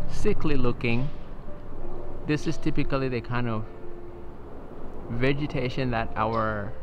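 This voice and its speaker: A man from Rwanda, a tech company founder, calmly explaining his work in a documentary interview. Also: medium pitch. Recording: music bed underneath.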